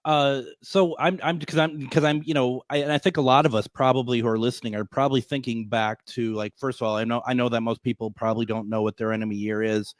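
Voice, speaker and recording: A man's voice: mid-range voice, fairly even intonation, quick pace, hardly any pauses, no echo, studio quality. Rambling jokey man in his fifties. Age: 50s. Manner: rambling, many restarts, jokey. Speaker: radio show host. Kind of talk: casual interview chat.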